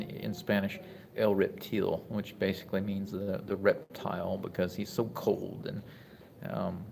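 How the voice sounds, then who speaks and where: A man in his forties with a very deep, gravelly voice speaks slowly in a reflective, halting way, often restarting his sentences. He talks casually on a live stream from a hospital room, with clear room noise behind him. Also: darkish tone. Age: 40s. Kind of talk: casual live-stream talk reading chat.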